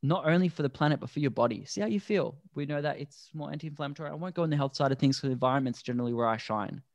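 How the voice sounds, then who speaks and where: A man, a guest on a podcast, explaining things earnestly and deliberately in a conversational interview. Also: fairly high pitch, no room sound. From Australia. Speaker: podcast guest, endurance athlete.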